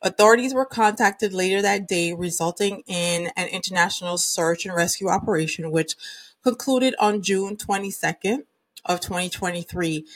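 A woman's voice: lowish voice, a bit bright. Chatty woman hosting a podcast. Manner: chatty, uses many fillers like um and you know. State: recovering from a cold and sinus infection. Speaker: podcast host. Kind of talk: casual solo podcast talk.

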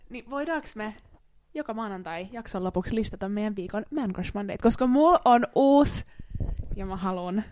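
A woman's voice: mid-range voice, animated, darkish tone, slight background noise. A young woman co-hosting a podcast in casual chat, giggling and dropping English phrases into her talk, recorded in a home studio. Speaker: podcast co-host.

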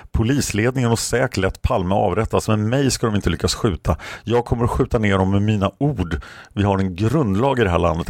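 Brief: man reading aloud as furious jailed journalist, ranting defiance, raspy edge. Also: on the low side, a little mellow, dry recording, studio quality, voice pushed up. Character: furious detained middle-aged male journalist.

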